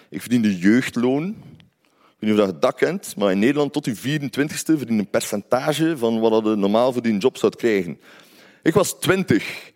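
A man's voice: medium pitch, darkish tone. A man from Ghent with a Flemish accent, telling a personal story in a conversational way with wry asides to his listeners. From Belgium, Ghent.

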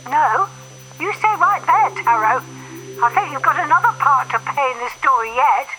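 Woman as a bright, upbeat granny. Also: high voice, animated, moderate pace, a little hiss or hum, poor audio. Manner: upbeat, reassuring. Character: wise, cheerful grandmother guiding the heroes. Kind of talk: kids' audio drama.

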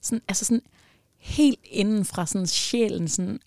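A woman telling a personal story in casual podcast chat, animated and swinging between loud bursts and near-whispers. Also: mid-range voice, gravelly, no room sound, studio quality.

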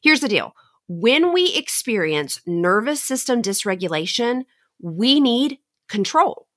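A woman's voice: a little high, big pitch swings, a little slow, a bit bright, no echo, studio quality. A woman hosting a motivational solo talk for teachers, speaking in an earnest, direct and encouraging way. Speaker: podcast host and teacher coach.

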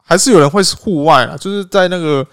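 A man's voice: on the high side, quick pace, clear, resonant tone, no room sound, studio quality. A man with a Taiwanese Mandarin accent, co-hosting a casual chat show, telling stories with frequent laughs and casual swearing. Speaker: podcast co-host.

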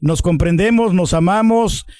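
Playful Mexican man sidekick, high voice. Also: unhurried, darkish tone, no echo. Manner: playful, hesitant, agreeable sidekick. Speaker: co-host. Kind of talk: casual banter.

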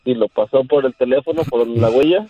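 A man's voice: medium pitch, a little fast, mellow, soft background music. A man phoning in to a show and telling a story casually over a narrow phone line. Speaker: phone-in caller.

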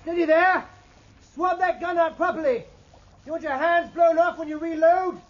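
An actor playing a keen, resourceful junior naval officer in a period audio drama, speaking in a crisp, dutiful, urgent way. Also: male voice, very high voice, animated, fairly quick. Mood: shouting orders. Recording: dull sound, noisy battle ambience.

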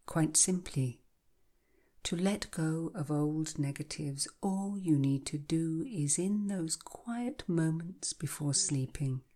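A woman guiding a hypnotic relaxation in a soft, breathy, half-whispered voice, slow and soothing like a calming countdown. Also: low voice. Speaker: hypnotherapy guide. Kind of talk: guided hypnosis relaxation, scripted narration.

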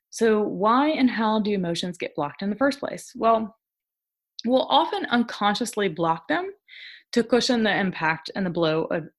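A woman hosting a podcast, giving frank, chatty advice on relationships with casual swearing and rhetorical asides. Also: lowish voice. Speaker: podcast host, intimacy coach.

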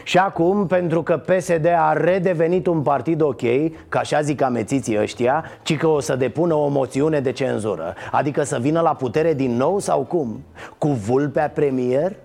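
A man's voice: on the high side, gravelly, a little mellow. A man hosting a satirical news show, delivering a mocking, sarcastic monologue.

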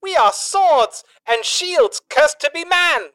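A woman as a proud, high-voiced living sword. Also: animated, takes it slowly, a bit bright, full character voice. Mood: proud, solemn. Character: proud, declamatory sword cursed into human form.

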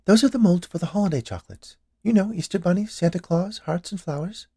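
In an audiobook, a man pitches his voice above his natural range to play a plump, cheerful woman confectioner who is chatty, gushing and nosy. The character voice is high, brisk, husky and darkish in tone, sounding chirpy and curious. The recording is dry and of studio quality.

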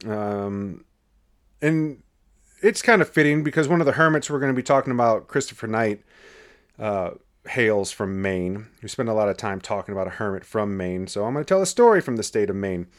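A man's voice: on the low side, lively intonation, normal speed. Casual, swearing male podcast host. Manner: loose and conversational, with frequent fillers and swearing.

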